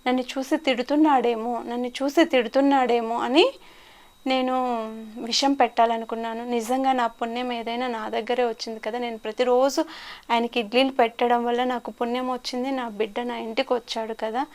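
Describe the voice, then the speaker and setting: A woman's voice: a little high, a little fast. A woman life coach in an interview, telling stories and acting out the quoted lines. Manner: animated storyteller, acts out quoted lines. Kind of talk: storytelling in an interview.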